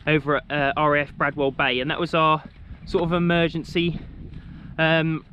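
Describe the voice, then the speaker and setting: A young man from England vlogs on a country walk, rambling to his handheld camera with many ums and restarts. He speaks in a slightly high monotone at a moderate pace, on a muffled recording with a little hiss or hum.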